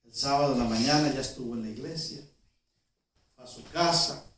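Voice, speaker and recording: A male pastor telling a story in a sermon, with vivid storytelling that swings between loud and hushed. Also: medium pitch, brisk. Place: church sanctuary. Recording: echoey church from far off.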